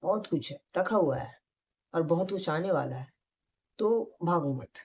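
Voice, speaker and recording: A man's voice: fairly high pitch, lively intonation, a little slow, husky, dull audio. A man teaching acting in a casual spoken tutorial, talking straight to his viewers in a direct, encouraging way.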